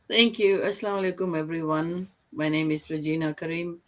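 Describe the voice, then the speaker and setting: An older retired woman from Fiji introducing herself on an online panel, warm and proud, over a video call. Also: low voice, fairly even intonation, fairly quick. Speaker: panel guest.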